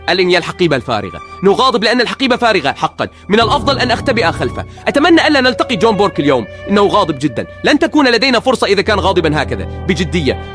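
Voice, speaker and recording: Excitable male host, lively pitch, dramatic commentary over faint music. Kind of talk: excited drone-video commentary.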